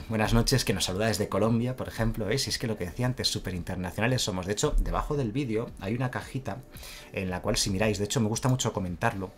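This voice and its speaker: A man streaming a card game live, chatting casually, greeting viewers by name and laughing often. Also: on the low side.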